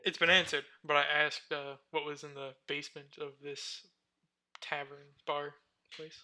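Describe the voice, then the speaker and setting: A man with a very bright, sharp-edged voice plays a tabletop game. He trips over his words and laughs as he works things out. His voice sits a bit high for a man. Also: flat delivery, moderate pace. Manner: hesitant, giggly, stumbling. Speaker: player. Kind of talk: casual tabletop play.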